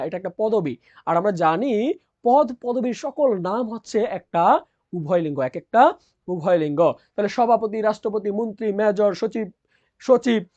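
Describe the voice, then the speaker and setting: A woman's voice: medium pitch, darkish tone. A woman teaching a live online lesson, repeatedly asking questions and answering them herself. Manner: drills by asking and answering her own questions. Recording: dull lo-fi sound.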